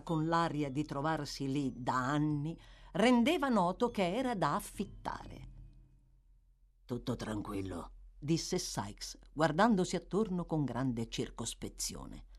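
A woman narrating a classic novel as an audiobook, with expressive, dramatic storytelling. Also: low-pitched. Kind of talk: scripted literary narration.

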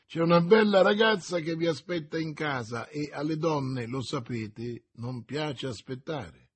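A sneering middle-aged landlord mocks his tenant, played by a male reader with a husky voice. The reading drops soft and slow toward the ends of his teasing phrases. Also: on the high side. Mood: mocking. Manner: sneering, mocking.

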